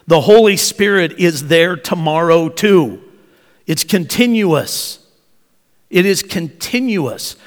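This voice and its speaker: A male pastor from Oklahoma preaching a sermon, repeating key phrases emphatically and leading the congregation in saying them back. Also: sits high. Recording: long church-hall reverb.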